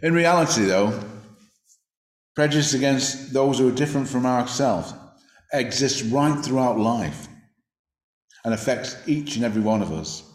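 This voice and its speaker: A man preaches a sermon in a reflective, conversational way, occasionally restarting a phrase. His middle-pitched voice has lively intonation and normal speed with long pauses, and it echoes as if in a roomy space.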